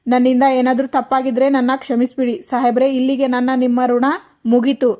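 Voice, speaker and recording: Woman reading a gentle, devoted young wife. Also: high-pitched, completely flat delivery, fairly quick, close to an everyday voice. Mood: tender farewell. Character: devoted young wife leaving for police training.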